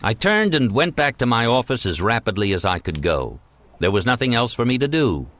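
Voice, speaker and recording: Earnest man narrating with lively pitch. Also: brisk. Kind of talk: audiobook narration of a self-help text.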